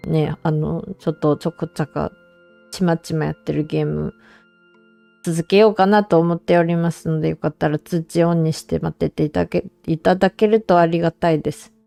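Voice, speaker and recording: A woman's voice: low-pitched, fairly even intonation, a little fast, creaky, warm tone, dry recording, faint music behind. A woman streamer chatting casually and informally to viewers on a livestream.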